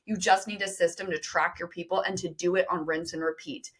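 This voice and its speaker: A woman guest on a podcast interview, talking emphatically and directly to listeners, with quick bursts of speech. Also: fairly low pitch, fairly even intonation, breathy edge. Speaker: podcast guest, business co-founder. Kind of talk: energetic interview talk.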